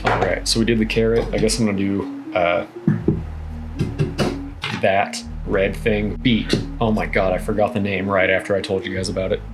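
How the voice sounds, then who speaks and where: Low voiced dude chatting while he cooks, laid back and kinda sweary, guitar music behind him. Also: steady tone, normal speed, low-quality recording. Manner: laid-back, rambling, profane. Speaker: host of a cooking vlog. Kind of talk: casual chat while cooking, narrating each step. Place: home kitchen.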